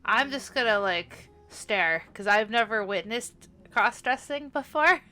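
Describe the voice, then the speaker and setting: A woman's voice: fairly high pitch, lively intonation, a little slow, sharp tone, soft background music. A woman chatting casually as a player in a tabletop game, informally describing what her character does.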